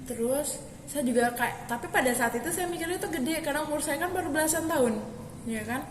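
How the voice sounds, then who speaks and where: A woman's voice: high voice, fast. A young woman being interviewed, telling her story casually and rambling a little with restarts. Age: young adult. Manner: rambling, with many restarts and fillers. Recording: echoey hall with background noise.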